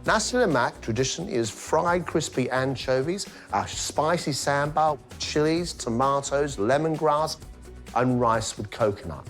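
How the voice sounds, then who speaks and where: A man with a British accent, a cooking competition judge, giving measured, emphatic voice-over commentary on the dishes. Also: medium pitch, expressive, faint music behind.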